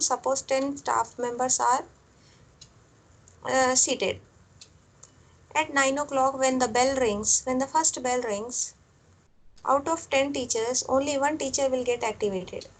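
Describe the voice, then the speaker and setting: A woman teaches a technical lesson at an unhurried pace. Her voice sits high, and she circles back over phrases with fillers between them. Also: fairly even intonation, rough recording. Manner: explains step by step, repeats phrases, many fillers. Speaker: lecturer. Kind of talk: classroom lecture.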